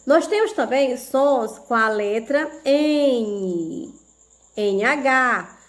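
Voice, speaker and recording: A Brazilian primary school teacher with a high, animated voice speaks very slowly as she gives a video lesson to young pupils. She explains each step patiently and checks that they are following along.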